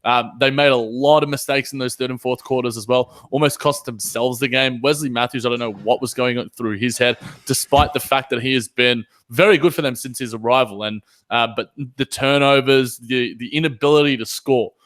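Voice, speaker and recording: A man talking very fast as he co-hosts a casual sports chat and reads out viewer comments. He rambles a little between thoughts. The sound is close and dry, with no room echo. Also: medium pitch, fairly even intonation, fairly bright tone. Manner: rambling, lots of fillers and restarts. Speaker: co-host reading comments.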